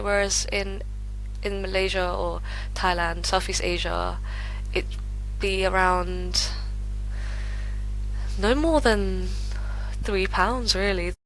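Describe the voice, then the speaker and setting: A young woman with a British accent, chatting as an interview guest, talking quickly with many fillers and frequent laughs. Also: mid-range voice, gravelly, a bit bright, a little hiss or hum, rough recording. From United Kingdom. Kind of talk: casual interview chat.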